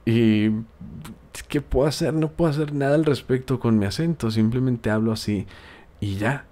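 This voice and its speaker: A man's voice: medium pitch, moderate pace, dark tone. A man from Tijuana with a Mexican accent, hosting a casual podcast and giving friendly, rambling advice with frequent hesitations. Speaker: podcast host and video maker.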